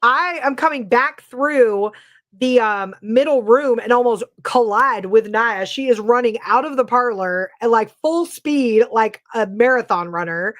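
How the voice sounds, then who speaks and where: A woman's voice: on the high side, measured pace. A woman hosting a podcast, telling stories in a casual, chatty way with plenty of filler words. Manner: chatty, filler-heavy storytelling. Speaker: podcast host. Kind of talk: casual chat.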